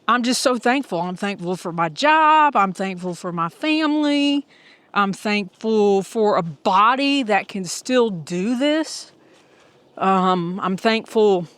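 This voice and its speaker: A woman's voice: medium pitch, dry recording. A middle-aged woman, vlogging on a hiking trail, heartfelt and thinking aloud, sometimes out of breath. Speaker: hiker vlogging as she walks. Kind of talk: casual audio vlog.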